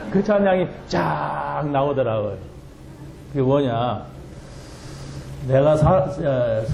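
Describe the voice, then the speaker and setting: A man preaching a sermon as pastor, telling a story with animated, laughing delivery. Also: mid-range voice, vocal fry, echoey room, noisy background. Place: church sanctuary.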